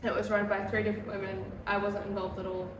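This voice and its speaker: A chatty Australian woman in her twenties, a comedian and comedy night producer, gives casual interview answers, relaxed and full of "um" and "like." She talks fast at a medium pitch. The room is echoey, the mic far off, and the background noisy.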